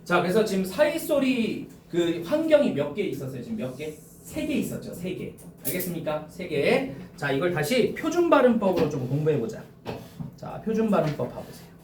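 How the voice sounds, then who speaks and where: A male high school teacher lecturing to a class, slowly dictating key points and often checking whether students follow. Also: sing-song, darkish tone, reverberant, far from the mic, slight background noise.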